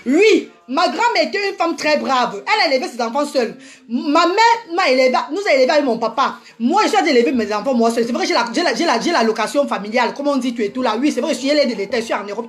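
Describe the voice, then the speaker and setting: A woman vlogger with a high voice delivers a heated monologue to her viewers. She scolds them with indignant repetition, often breaking off and restarting her sentences. She addresses them warmly as "maman" even while she berates them. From Africa. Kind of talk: impassioned ranting monologue.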